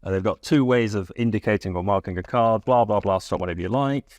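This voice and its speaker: A man explaining a mentalism card routine in a relaxed, wry way, with asides. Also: on the low side, fast, no echo. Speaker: magic instructor. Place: London studio.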